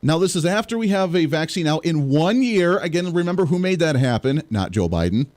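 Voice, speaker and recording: A man's voice: on the high side, expressive, brisk, darkish tone. A man hosting a political talk show, joking and rambling through sarcastic asides as he chats to his audience. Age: young adult or middle-aged parent. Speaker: host.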